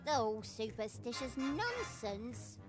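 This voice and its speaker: A woman's voice: on the high side, big pitch swings, slow pace, music in the background. A woman playing a flustered, stubbornly skeptical potion brewer in an adventure game, fretful and exclamatory. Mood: dismissive. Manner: fretful, exclamatory, clipped word-by-word dismissals. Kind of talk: acted adventure game dialogue.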